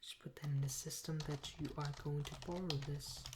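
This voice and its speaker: Low, hushed woman in an ASMR role-play. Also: steady tone. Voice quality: soft-spoken, breathy, often soft-spoken. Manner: gentle, unhurried customer-service talk with pauses. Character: helpful, patient female librarian serving a patron. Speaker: ASMR performer playing a librarian. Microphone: close binaural microphone. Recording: close binaural mic with clear hiss.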